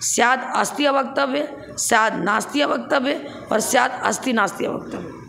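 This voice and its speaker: Gravelly-voiced woman teaching scripture. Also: high voice, normal speed, sharp tone, slight background noise. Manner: explains step by step, with rhetorical questions. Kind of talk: classroom scripture lecture.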